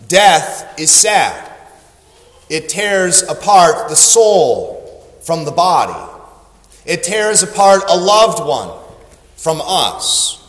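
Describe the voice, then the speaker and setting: Slow-preaching pastor in an echoey hall. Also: male voice, fairly high pitch, a bit bright. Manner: slow, deliberate preaching with dramatic pauses. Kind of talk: sermon. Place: church sanctuary. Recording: echoey church hall, long reverb.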